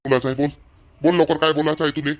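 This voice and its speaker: In a family drama cartoon, a man voices an angry, controlling young village husband with a Vidarbha Marathi accent. His natural voice sits on the high side with little pitch movement, and he races through his lines, scolding, domineering and repeating himself in a commanding tone.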